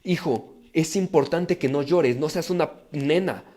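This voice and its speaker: Stern macho father, loud and commanding, mellow tone, put on by a male speaker. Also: fairly high pitch, a little slow. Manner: harsh, commanding, raised voice. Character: stern macho father scolding his small son.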